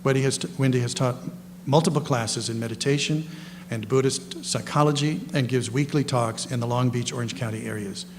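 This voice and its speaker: A man's voice: mid-range voice, fairly quick. Rambling man introducing speakers in an echoey hall. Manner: rambling, self-correcting, folksy asides. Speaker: lecture host introducing guest panelists. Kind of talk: informal spoken introductions, partly read from notes. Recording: echoey hall, clear background noise and hum.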